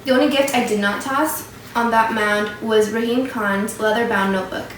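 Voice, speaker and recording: A student performer in readers' theatre reads a remorseful Afghan narrator's boyhood memories in a reflective, regretful mood. Her fairly high, fairly bright, natural voice stays steady at a moderate pace. The room is echoey, with faint background noise.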